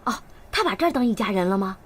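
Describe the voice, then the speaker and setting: An actress playing a sharp-tongued middle-aged mother who nags and scolds her family, in a TV drama. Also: mid-range voice, expressive, racing, slightly rough. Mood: complaining. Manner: nagging, scolding, sarcastic. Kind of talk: TV drama acting.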